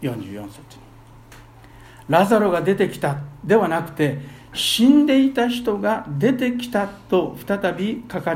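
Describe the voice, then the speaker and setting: A man delivers a sermon as pastor, speaking earnestly. His voice sits a little high for a man, and he pushes it louder on the phrases he wants to land. A faint hiss runs underneath. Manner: earnest, swells loudly on key phrases.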